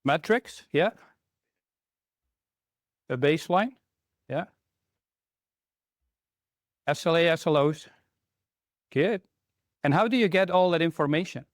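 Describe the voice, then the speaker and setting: Speaking slowly and expressively with frequent pauses, this middle-aged Belgian technical trainer addresses a live conference audience conversationally, often asking them questions. His slightly high voice is studio quality, free of room sound.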